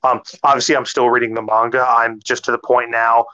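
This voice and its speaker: A man co-hosting a casual podcast chat, excitable, swearing freely and stumbling over his words. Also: mid-range voice, brisk, highs cut off. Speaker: podcast co-host.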